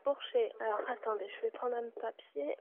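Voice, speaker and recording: On a tinny phone line, a bookshop clerk takes a customer service call, staying polite but firm and patient. Her voice is a little high and her pace moderate, with a noisy background.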